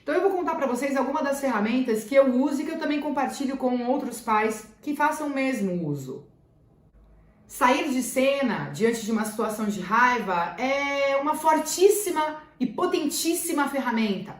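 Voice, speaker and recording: A Brazilian Portuguese-accented woman teacher speaks to parents in a slightly raised pitch. She is earnest and hammers key phrases home through repetition. Her voice rings in a roomy, echoey space. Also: expressive, normal speed. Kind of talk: talking to parents. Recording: roomy echo.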